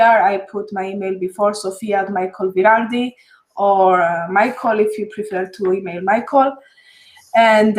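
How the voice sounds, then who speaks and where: A woman co-host reads out the weekly announcements on a live stream. She is a little hesitant and uses small fillers between items. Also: mid-range voice. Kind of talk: reading out announcements.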